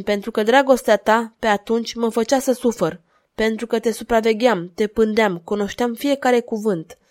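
A woman reading aloud and voicing a cold, relentless duchess who speaks in an insistent, measured way. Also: on the high side, darkish tone, natural voice.

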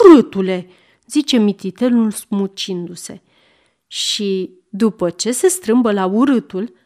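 A woman reading a story aloud with lively, expressive narration. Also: medium pitch. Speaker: reader.

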